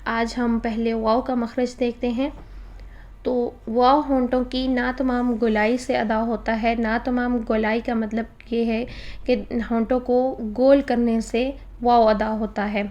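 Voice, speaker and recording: A woman's voice: a little high, a little mellow. A woman teaching Quran recitation in a recorded lesson, explaining patiently step by step and mixing in English words.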